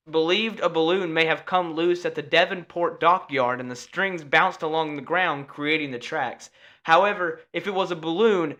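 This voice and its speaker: A man with a bright, fairly high voice co-hosts a casual podcast. He reads his notes aloud, trips over unfamiliar names and laughs at his own slips. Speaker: podcast co-host. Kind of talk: casual chat, reading research aloud.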